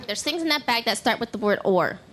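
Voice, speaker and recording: A woman's voice: on the high side, expressive, a little fast, fairly bright tone, slight background noise. A woman doing comic street interviews as a field correspondent, playful and chirpy. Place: conference hall crowd.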